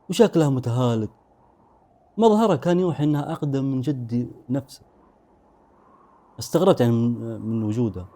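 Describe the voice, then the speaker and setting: A man narrating a first-person horror story in a brisk, dramatic way. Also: mid-range voice, mellow.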